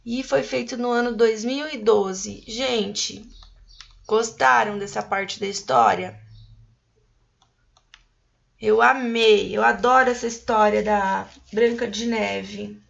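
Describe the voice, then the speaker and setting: Brazilian woman, primary teacher, unhurried storybook reading with a gravelly edge. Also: on the high side, fairly even intonation, a bit bright, highs cut off. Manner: slow, patient, explaining to children. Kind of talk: reading a storybook aloud to young pupils and explaining.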